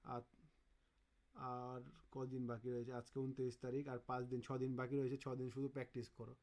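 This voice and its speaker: A man leads a casual exam-prep lesson, talking students through kanji questions. He pauses to sound out Japanese words slowly, as if thinking aloud. His voice sits at an ordinary middle pitch. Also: monotone, a little mellow. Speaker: Japanese language teacher.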